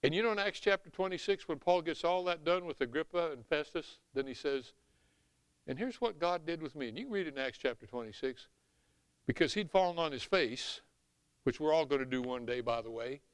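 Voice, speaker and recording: A middle-aged or older man with a Southern US accent preaching an animated sermon in an emphatic, folksy way. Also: fairly high pitch, brisk, smooth, no echo, poor audio. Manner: emphatic, folksy, swinging from hushed asides to shouts. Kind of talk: animated sermon with scripture reading.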